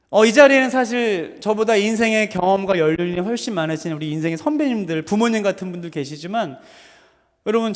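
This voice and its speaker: Man, pastor, thirties, high voice, sermon, warm storytelling, loud bursts, long church reverb. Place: church sanctuary.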